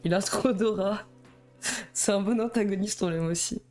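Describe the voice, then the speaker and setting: A man's voice: sits high, normal speed, darkish tone, soft background music. A young man with a Belgian French accent chatting casually on a live stream, nervous and self-mocking, stammering and rambling between laughs.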